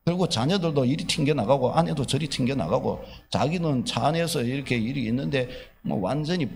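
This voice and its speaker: A man's voice: mid-range voice, a little fast, gravelly. A male pastor preaching a sermon, telling a story and acting out its characters with animation. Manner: animated, acts out dialogue.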